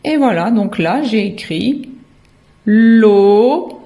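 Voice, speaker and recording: A woman's voice: mid-range voice, slow pace, warm tone. A French woman, a kindergarten teacher, patiently explaining how children learn to write words, sounding out syllables and letters one by one. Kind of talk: slow step-by-step teaching explanation.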